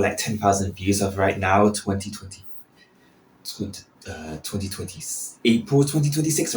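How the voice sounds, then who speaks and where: A man in his early twenties rambling casually and unscripted as a podcast host, often interrupting himself, recorded in an echoing bathroom. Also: on the low side. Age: early 20s. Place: small indoor bathroom. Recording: echoing bathroom, some background noise.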